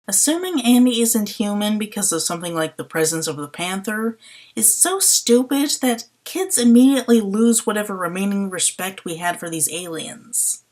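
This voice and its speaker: Sarcastic woman reviewing a TV episode. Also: fairly high pitch. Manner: sarcastic and exasperated. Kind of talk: scripted review narration.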